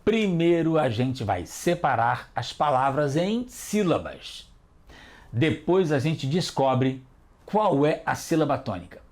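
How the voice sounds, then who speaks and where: Calm guy teaching kids on tv, slow and singsongy, calls them detectives. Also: a little high. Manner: patient, encouraging, addresses kids as detectives. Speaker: teacher and host. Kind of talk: children's educational TV lesson.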